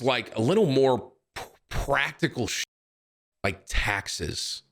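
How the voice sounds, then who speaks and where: Hosting a stream, a young man from Syracuse, New York, chats casually and with energy in a mid-range voice. He reacts to clips, reads out donations, swears, and keeps saying "bro" and "man."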